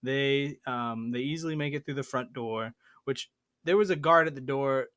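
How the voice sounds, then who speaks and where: A man's voice: mid-range voice, normal speed, fairly bright tone, clear, resonant tone, no echo, clean studio sound. A man hosting a tabletop gaming podcast, telling a story in a playful, boastful way. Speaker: podcast host. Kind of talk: casual chat.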